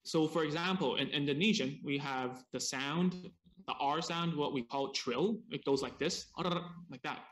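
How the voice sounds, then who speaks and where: A man's voice: a little high, a little slow, fairly bright tone. Man explaining in short chunks over a video call. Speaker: speech therapist presenter. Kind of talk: seminar talk paused for interpretation.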